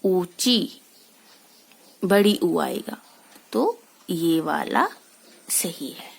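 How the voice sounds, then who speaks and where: A woman teacher speaks slowly to young pupils. Her pitch moves a lot as she explains. Her voice is husky, with a gravelly edge. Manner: slow, patient explaining with many rhetorical questions. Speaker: school teacher. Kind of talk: recorded lesson for young children.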